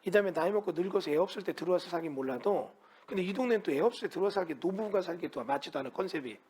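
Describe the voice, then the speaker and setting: A man's voice: high-pitched, expressive, racing, a little mellow, slightly rough. A man teaching a real estate law class, asking his students many rhetorical questions. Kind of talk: lecture to students.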